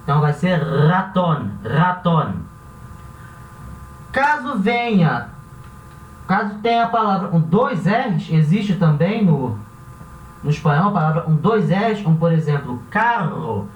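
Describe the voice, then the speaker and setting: A male teacher works through a lesson slowly and patiently, repeating each word and checking in with the class. He sounds some way off from the microphone in a roomy space. The sound is dull, with a faint hiss beneath it. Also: sits high, lively intonation, distant mic. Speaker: Spanish teacher.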